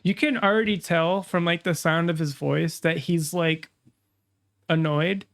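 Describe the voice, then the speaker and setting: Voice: medium pitch, fairly even intonation, measured pace. Nasal, pinched-nose streamer chatting casually. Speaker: streamer and host. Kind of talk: casual live stream reaction commentary.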